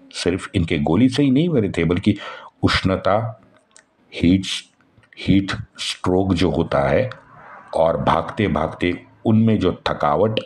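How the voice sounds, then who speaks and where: A middle-aged man telling a history story in a slow, unhurried way, pausing often with fillers and asking his listeners questions. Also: very deep voice. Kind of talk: spoken history narration.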